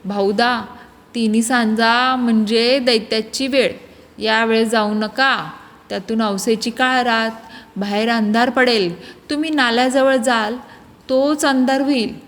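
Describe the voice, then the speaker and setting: An anxious old village woman pleads a warning, voiced by a woman reading a storybook. Her voice sits a little high and earnest. A long reverb trails behind every phrase. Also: fairly even intonation, measured pace, lightly acted. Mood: urgent warning.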